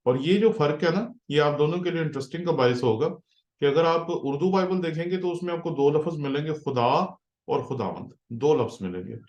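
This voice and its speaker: A pastor teaches an online Hebrew reading class, explaining patiently step by step and frequently checking that students follow with "theek hai". His voice is a little high, a little fast and darkish in tone, and the roomy recording sounds muffled.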